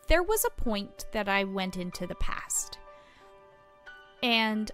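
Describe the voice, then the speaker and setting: In a naturalistic audio drama, a woman plays an earnest, patient small-town reporter who explains things in a measured, reflective way. Her voice is medium-pitched and creaky.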